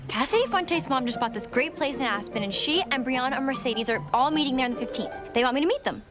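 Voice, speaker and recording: Pampered fashion-loving sitcom teen girl, high-pitched, melodramatic, breezy, music behind. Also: expressive, quick pace. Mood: breezy, wheedling. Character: spoiled, dramatic, fashion-loving teenage girl. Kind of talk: television family comedy acting.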